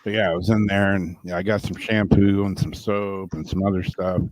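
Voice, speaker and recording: A man with a very low voice talks casually with a co-host, unhurried and laughing often. His sentences often trail off softly. The sound is dry, with no room around it. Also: steady tone, dry recording. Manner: laid-back storyteller, laughs often, trails off quietly. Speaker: podcast co-host. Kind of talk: casual chat.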